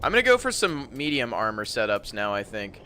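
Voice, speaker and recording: A man doing casual video game commentary in a bright voice with very lively pitch swings. He talks informally and swears freely, over a faint layer of background noise. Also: fairly quick. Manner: casual, profane.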